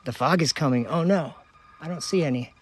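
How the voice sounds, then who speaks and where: A Minnesota man hosts a casual outdoor livestream at night while running a telescope, relaxedly reading viewer comments and their locations aloud in a chatty running list. His voice is on the high side, brisk, with a breathy edge.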